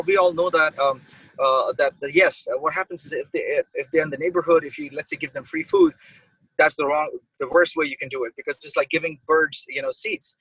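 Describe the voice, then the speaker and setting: A man, a restaurant owner, talking in a casual podcast interview, an excitable storyteller who acts out quotes. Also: a little high, slightly rough, poor audio. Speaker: pizza restaurant owner, guest.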